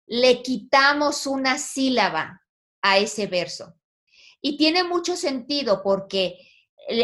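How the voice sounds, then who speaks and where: A woman's voice: fairly high pitch, fairly bright tone. A woman teaching a poetry lesson, asking her students questions and guiding them patiently. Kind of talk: online poetry class.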